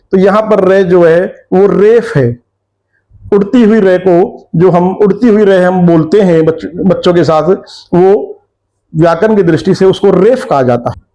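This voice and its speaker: A male teacher talking through a textbook lesson in a slow, methodical way, breaking every word down letter by letter. His voice sits fairly high but has a mellow, soft tone, and he takes his time over each step. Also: poor audio.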